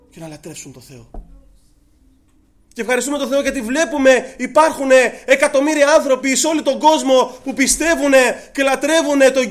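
Preacher, male, very high voice, goes from hushed to emphatic while addressing the congregation. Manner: addresses listeners as brothers, swings from hushed to raised. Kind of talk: sermon.

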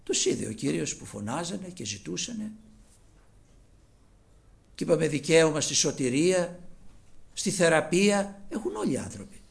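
A man preaching a sermon, moving between loud, impassioned declaiming and low murmured asides. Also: wildly swooping pitch, creaky, long pauses.

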